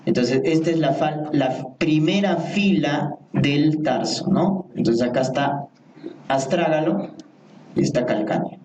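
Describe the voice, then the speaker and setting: A man with a fairly high, slightly mellow voice gives a slow medical anatomy lecture, repeating each key term and putting questions to the class. He sounds distant in an echoey room, with a little background noise.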